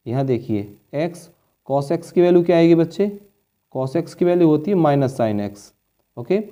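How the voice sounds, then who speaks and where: Warm and on the high side, a man's voice leads a maths lesson aimed at board exams. He treats his students as children, explaining every step patiently and checking in with them often.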